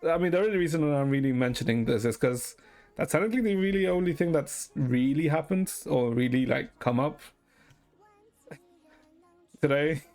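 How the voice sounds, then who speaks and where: A live streamer rambles casually with hesitation, often ending sentences with "right?" and swearing now and then. Her or his mid-range voice is lively in intonation at a normal speed, with long pauses and a darkish tone. Soft music plays in the background.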